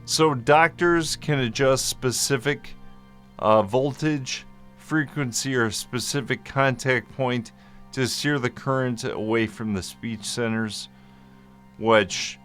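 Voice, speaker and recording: A vlogger recounting his personal medical journey gives an informal explainer, partly reading from notes and partly ad-libbing. He speaks haltingly and deliberately, with long hesitations and occasional mild slurring. His voice is medium-pitched and fairly bright, with faint music in the background.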